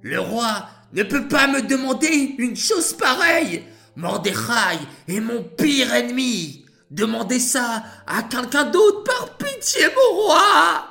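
Man doing a shrill wailing vain minister. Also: big pitch swings, takes it slowly, vocal fry, bright, forceful tone, faint music behind, full character voice. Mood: desperate. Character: scheming vain royal minister, prone to panic.

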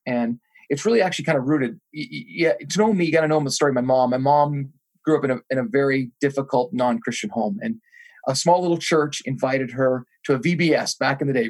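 On a rough recording, a man of medium pitch with a slightly mellow voice reflects earnestly on his calling as a pastor. Raised in Thailand, he is a podcast guest answering interview questions and occasionally restarts his sentences.

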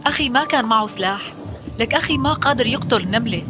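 An actress voices an impassioned Syrian sister defending her dead brother. Her high voice is quick and shaky, with a Syrian Arabic accent, over music. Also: animated, close to an everyday voice.

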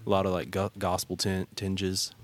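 A man's voice: low voice, monotone, normal speed. A man telling stories in casual chat, earnest and full of fillers like "uh" and "like". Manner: storytelling, filler-heavy, earnest.

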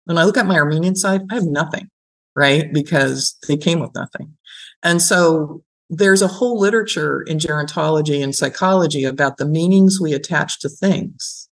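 A middle-aged gerontology professor with a low-sitting voice speaks at a moderate pace in a conversational interview. She explains things reflectively, shares personal stories, and keeps checking in with "right?" and "you know."

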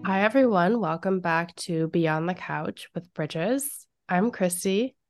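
A woman's voice: lowish voice, takes it slowly, faint music behind. A woman therapist co-hosting a podcast, sounding nasal from a cold, who asks the others questions in friendly casual talk.

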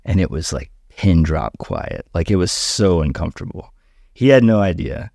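A man's voice: low-pitched, animated, normal speed, creaky, a little mellow, dry recording, clean studio sound. A middle-aged man, a podcast guest, casually telling a personal story and acting out the voices of the people in it. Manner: conversational, acts out quoted voices.

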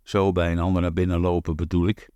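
A man's voice: deep voice, little pitch movement, quick pace, mellow, dry recording, clean studio sound, natural voice. A man reading aloud voices a young wife with a flustered, girlish way of talking, in a raised voice.

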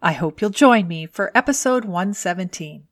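Woman giving tidy podcast career advice, lower-pitched. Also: expressive, moderate pace, no echo, studio quality. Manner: tidy, orderly, instructional delivery. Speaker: podcast host and career coach. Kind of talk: scripted solo advice podcast narration.

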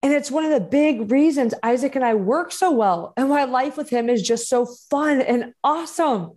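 A woman's voice: sits high, normal speed, darkish tone. A woman hosting a motivational podcast solo, talking in an encouraging, earnest, emphatic and conversational way. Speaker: podcast host and growth coach.

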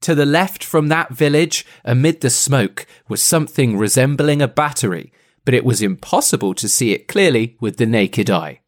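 A man's voice: mid-range voice, lively intonation, moderate pace. A man co-hosting a podcast, retelling a book in a playful, teasing, jokey way. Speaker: podcast co-host, reader. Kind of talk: casual podcast chat and retelling.

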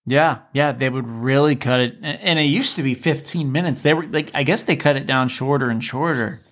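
A man hosting a casual interview, talking in an animated, sarcastic way. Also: medium pitch, a little fast. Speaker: podcast host.

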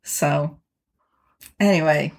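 A woman's voice: deep voice, extremely slow. A woman, co-hosting a podcast in a candid, chatty way, swearing freely. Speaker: podcast co-host. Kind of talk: casual chat.

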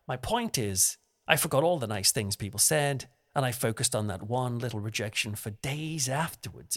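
A man's voice: on the high side, fairly bright tone. A young man giving a conversational, self-deprecating devotional talk as a preacher. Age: young adult.

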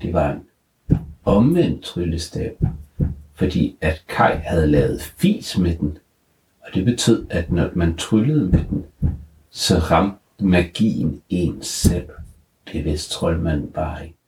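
Low-voiced playful male storyteller. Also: expressive, a little mellow, roomy sound. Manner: playful, laughing asides. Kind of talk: improvised children's story narration.

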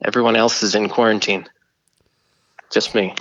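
A man's voice: lowish voice, fairly even intonation, normal speed, fairly bright tone, no room sound, muffled recording. A man playing a flustered mission controller over the radio. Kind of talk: comedy skit acting.

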